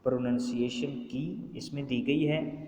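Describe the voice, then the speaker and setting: A man teaching an English lesson, saying model sentences slowly and translating each one. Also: mid-range voice, steady tone, dark tone. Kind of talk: bilingual classroom lesson. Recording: echoey room with long reverb.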